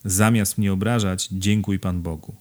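A man's voice: sits low, steady tone, normal speed, lightly acted. A man voicing a coarse, domineering upstart who talks bluntly and threatens in an audiobook. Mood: threatening. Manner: gruff, bullying, loud.

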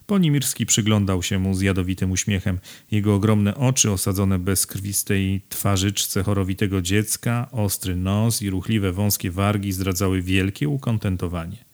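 A man reading a novel aloud as narrator in a steady, measured way. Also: deep voice. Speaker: audiobook narrator. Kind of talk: scripted narration.

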